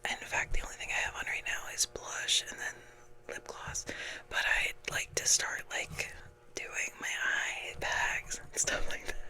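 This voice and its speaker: A woman whispering softly and breathily in a casual, halting, self-deprecating ASMR ramble. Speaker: ASMR content creator.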